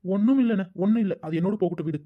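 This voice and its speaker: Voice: mid-range voice, rapid-fire, lightly acted. A voice actor playing a moody, lovesick young man in a cartoon, speaking in a sullen, snapping manner. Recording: dull lo-fi recording.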